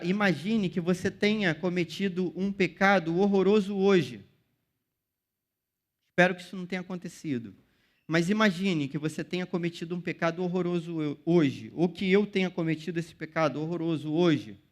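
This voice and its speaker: A man's voice: high voice, moderate pace. A young man with a Brazilian Portuguese accent preaching a casual youth sermon, full of slang and direct address to the listeners. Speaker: youth pastor.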